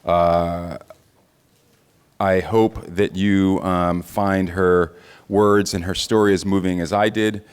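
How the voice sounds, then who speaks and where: A man moderating a summit introduces the next speaker. He talks in a polite, halting way full of ums, and his low voice sounds smooth and resonant. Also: flat delivery, in a large hall. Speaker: professor and event moderator. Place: lecture hall at a summit.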